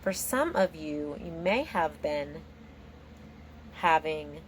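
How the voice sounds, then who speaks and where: Female tarot reader, lowish voice, off-the-cuff and slangy with exclamations, some background noise. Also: expressive, takes it slowly. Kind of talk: casual, improvised tarot card reading commentary.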